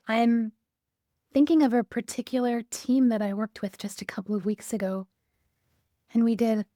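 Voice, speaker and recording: A woman with a warm, mellow voice co-hosts a relaxed podcast conversation. She talks reflectively, recounting experiences from her coaching work. The recording is close and dry. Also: medium pitch, no room sound. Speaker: podcast co-host.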